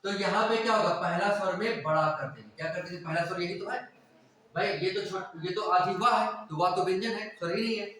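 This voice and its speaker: A man with a fairly high voice teaches a grammar lesson, repeating each word and putting questions to the class. His voice rings through a very echoey classroom, picked up from a distance. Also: a little fast, fairly bright tone. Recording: echoey classroom, mic far off.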